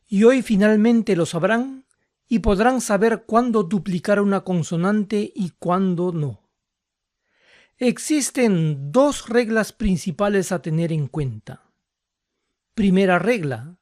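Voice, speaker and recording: Slow, deliberate Spanish-speaking English tutor. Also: medium pitch, a little mellow, no room sound, clean studio sound. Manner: slow, deliberate, spells out rules step by step. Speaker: English teacher. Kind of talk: instructional lesson.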